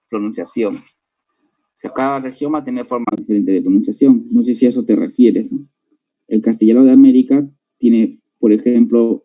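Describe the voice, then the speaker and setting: A man's voice: mid-range voice, warm tone, poor audio. A male language teacher with a Peruvian Spanish accent, lecturing a class in an explanatory way and checking in with students through tag questions. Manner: explanatory, tags sentences with "¿no?" and addresses students directly.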